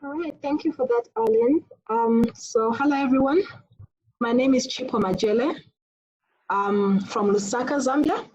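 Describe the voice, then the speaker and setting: Husky-voiced woman panellist. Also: a little high, moderate pace, darkish tone, lo-fi sound. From Zimbabwe. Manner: self-correcting, earnest. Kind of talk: self-introduction on a panel. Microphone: video call.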